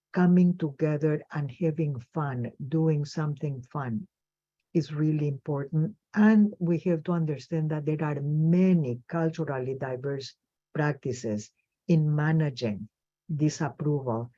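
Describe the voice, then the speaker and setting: A woman presenting a webinar talk on child development, unhurried and deliberate, often pausing to find her words. Her voice is mellow and warm. The audio is dull and lo-fi, like a computer microphone on a video call. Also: sits low. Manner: measured, thoughtful, with pauses and fillers. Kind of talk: webinar lecture.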